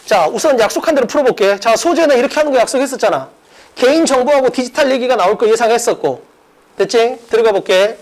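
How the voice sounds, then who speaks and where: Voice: medium pitch, low-quality recording. An English exam-prep teacher and academy director giving a mock exam explanation lecture, emphatic and casual with students, drilling points through repetition and rhetorical questions. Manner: casual informal speech to students.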